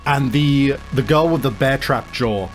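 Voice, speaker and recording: With faint background music, a game master improvises narration for a tabletop session in his mid-range voice. His speech is halting, as if he's working things out aloud while explaining the action and the rules.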